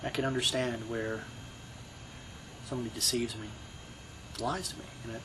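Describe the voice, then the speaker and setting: A middle-aged man with a Brooklyn accent records a casual, reflective monologue for his video blog, rambling along with many you-knows and restarts. His mid-range voice is flat and his speed normal, with noise in the background.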